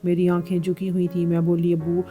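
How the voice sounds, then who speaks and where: A woman narrating a first-person story with a steady, even reading. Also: lowish voice. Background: faint background music.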